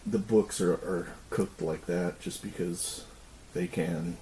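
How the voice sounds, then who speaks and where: A man's voice: sits low, slow pace, slight background noise, poor audio. A man co-hosting a podcast, chatting casually, chiming in with agreements and questions. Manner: relaxed, chimes in with short agreements and questions. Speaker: podcast co-host. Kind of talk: casual conversation.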